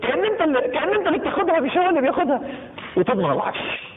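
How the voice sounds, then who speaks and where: A man's voice: very high voice, rapid-fire, background noise. A man with an Egyptian Arabic accent preaching a live sermon and keeping the audience engaged with frequent questions to the crowd. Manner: animated, keeps asking the crowd questions. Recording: tinny phone-like sound with long hall reverb.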